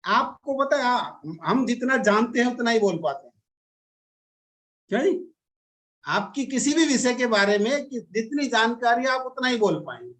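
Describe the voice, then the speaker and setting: A man's voice: very high-pitched, normal speed, fairly bright tone. A man giving a motivational business talk to a seminar audience, coaxing them along with frequent rhetorical tag questions.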